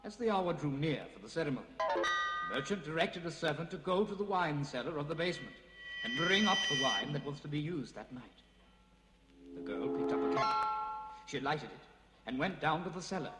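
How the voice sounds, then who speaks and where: A male narrator performs scripted ghost tales with a spooky, theatrical flair. His fairly high voice shifts between hushed and urgent delivery. It rings in a long reverb, with loud music behind it. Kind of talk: dramatic scripted storytelling for a ghost tour record.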